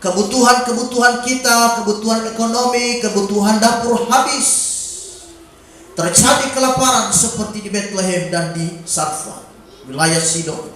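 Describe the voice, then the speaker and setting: High-voiced pastor preaching in an echoey church. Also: male voice, fairly even intonation, moderate pace, slight background noise. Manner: preaching with sudden shouted calls and exclamations. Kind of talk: sermon. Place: church during a Wednesday evening service.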